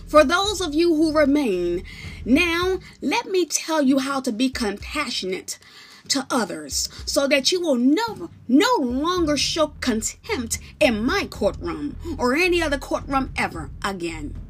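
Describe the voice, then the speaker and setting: A woman's voice: high voice, big pitch swings, measured pace, a little hiss or hum, voice pushed up. A woman voicing a solemn male judge on a throne, who speaks in a raised, proclaiming voice.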